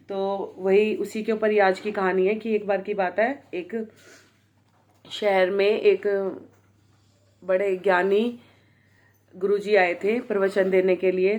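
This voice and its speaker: A woman hosting her storytelling channel, telling a moral tale in a chatty, casual way with lots of fillers. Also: medium pitch. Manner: chatty, full of fillers and restarts.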